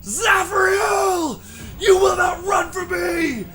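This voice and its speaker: A man's voice: extremely high pitch, drawn-out words, raised voice, a crowd in the background, voice pushed up, full character voice. A man voicing an enraged male villain spellcaster who has come unhinged and screams as he breaks down in a tabletop game. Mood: screaming rage.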